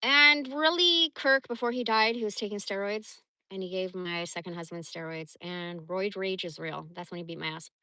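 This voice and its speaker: A woman's voice: medium pitch, normal speed, few pauses, pushed and bright, dry recording. A woman from the Bay Area telling rambling personal stories on a casual livestream, blunt and profane. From San Francisco Bay Area. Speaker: livestream host.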